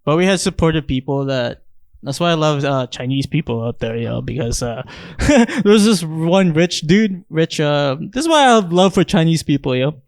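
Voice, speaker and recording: A young man from the Philippines chatting casually on a podcast, rambling and halting, swearing freely, close on a handheld mic. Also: a little high, animated, no room sound. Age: young adult. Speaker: podcast host. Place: small plain room, indoors. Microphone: handheld microphone held close.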